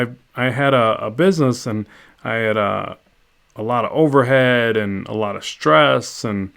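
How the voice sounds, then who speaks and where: A middle-aged man chatting casually and rambling while painting on a live stream from his home studio. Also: medium pitch. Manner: rambling, self-deprecating, many restarts.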